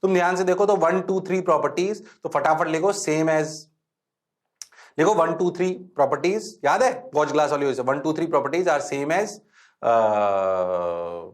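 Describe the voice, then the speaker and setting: A man lectures on physics to a class, his voice pitched a little high. He moves between Hindi and English, keeps checking whether his students understand, and hurries them along to note things down. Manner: asks students frequent check questions, urges them to write fast. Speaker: physics teacher.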